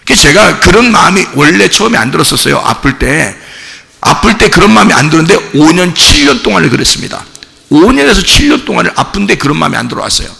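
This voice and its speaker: Man, pastor, sermon, gravelly voice, sharp bright tone, lively swooping pitch, long hall reverb. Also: fast. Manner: animated preaching, acts out quoted voices; rises to shouting at climaxes. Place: church sanctuary.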